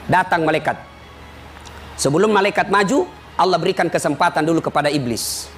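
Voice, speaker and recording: Male preacher, high and lively, storytelling sermon. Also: a little fast, a little hiss or hum. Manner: lively storytelling, teasing the audience.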